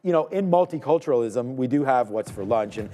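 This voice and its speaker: Hosting a live trading stream, a Canadian man banters in an energetic, rambling, casual way, repeating words and giving shout-outs to viewers. His voice is medium-pitched and brisk, with a big-room sound.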